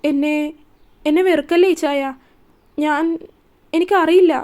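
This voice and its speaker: A woman voicing a young wife in a storybook romance, halting and stammering through tears. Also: high-pitched, steady tone, darkish tone. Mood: tearful.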